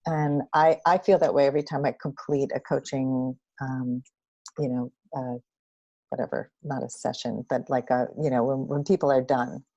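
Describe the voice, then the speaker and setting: Low, mellow-voiced woman host. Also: steady tone, normal speed, dull audio. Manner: earnest, reflective, supportive. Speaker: podcast host and dating coach. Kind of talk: casual interview conversation.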